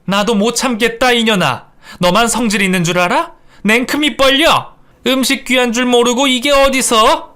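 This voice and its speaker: A man's voice: sits high, animated, normal speed, a bit bright, pitched above the performer's own voice. A man voicing an indignant middle-aged mother-in-law in a radio drama, scolding sharply. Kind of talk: Korean radio drama acting.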